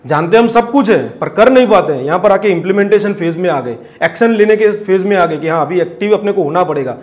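A man gives an earnest, casual testimonial, his voice sitting high for a man. He restarts his sentences and repeats himself as he talks. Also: quick pace, a little mellow. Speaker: seminar participant giving a testimonial.

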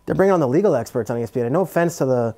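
A man with a New Jersey accent, a sports reporter talking football as a podcast guest in a chatty, quick insider way full of fillers. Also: mid-range voice, expressive, dark tone. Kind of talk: casual podcast chat.

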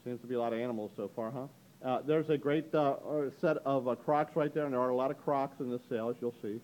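A middle-aged man, an auctioneer, walking through an indoor antique gallery with a handheld camera and chatting upbeat about the items, often saying "ladies and gentlemen". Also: mid-range voice, fast talker, poor audio. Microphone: handheld camera mic, speaker behind the camera.

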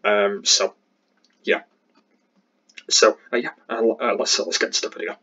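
A man with a croaky voice giving casual, hesitant commentary as a YouTube host, often repeating himself. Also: lowish voice, moderate pace, sharp tone, dull audio. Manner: hesitant, repetitive.

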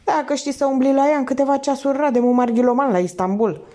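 A woman's voice: high voice, fairly even intonation, mellow, voice pushed up, lightly acted. A woman reading aloud and voicing a desperate male con man on the run, who talks urgently in slang.

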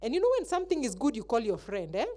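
A woman teaches children in Sunday school, telling a Bible story with animated delivery. Her voice sits fairly high and moves through a lively, expressive range. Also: very fast. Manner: animated, acts out the characters.

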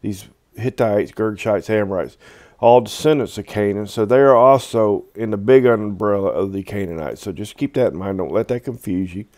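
Man, low voice, Bible teaching, conversational and halting, reads scripture aloud, dry close sound. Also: a little mellow, no room sound. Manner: conversational, halting, many fillers and restarts while explaining.

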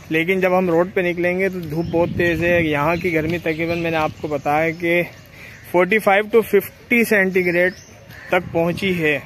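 A man's voice: a little high, fairly bright tone, slight background noise. A young man vlogging outdoors in a chatty way, speaking directly to his viewers through a lapel mic. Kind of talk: casual travel vlog. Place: outdoors under trees, then riding a motorbike on dusty rural roads. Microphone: clip-on lapel mic.

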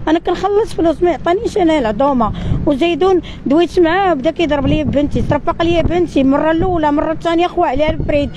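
A woman with a Moroccan accent giving a street interview, talking in an agitated rush full of halting restarts. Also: high voice, background noise. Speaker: interviewee, tissue seller. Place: outdoors on a city street.

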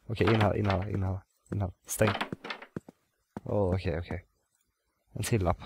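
A man's voice: deep voice, steady tone, gravelly, noisy background. A man from Sweden commentating a horror game, nervous and jumpy, muttering to himself, repeating phrases and swearing when startled. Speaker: gamer playing a horror game. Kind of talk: let's play commentary.

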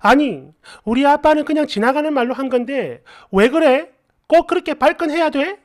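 A woman's voice: a little high, big pitch swings, slow pace, a little mellow, heavily acted. A male narrator voicing a tearful, demanding young girlfriend who complains and pleads in a whiny, accusing way. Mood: indignant.

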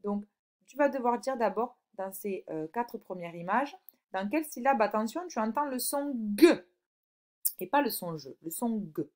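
A woman teacher giving a recorded phonics lesson to a young child, slowly stretching out example words and checking in with "d'accord?". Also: fairly high pitch, lively intonation. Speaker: primary school teacher.

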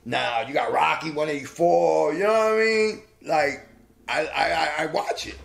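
A man's voice: fairly high pitch, normal speed, creaky. A middle-aged man with a New York accent telling stories in a casual, streetwise interview, acting out voices as he goes. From the Bronx, New York. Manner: streetwise, animated storyteller, acts out voices. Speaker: interviewee, graffiti writer.

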